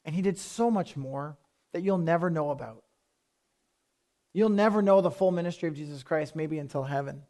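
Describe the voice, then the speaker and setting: A man preaching a sermon as pastor, talking to the congregation in a conversational way that builds to forceful emphasis. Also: a little high, moderate pace.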